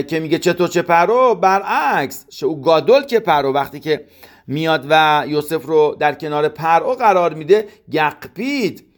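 A man with a slightly high voice gives a text study lesson. He chants verses from scripture, then explains them plainly and keeps asking his listeners what each word means. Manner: poses questions to the listener. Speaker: Torah teacher.

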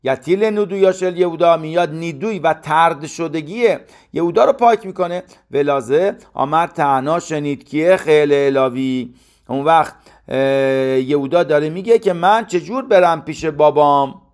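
Man teaching a scripture commentary. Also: a little high. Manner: reads Hebrew commentary then explains it. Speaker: religious teacher. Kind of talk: Torah commentary lesson.

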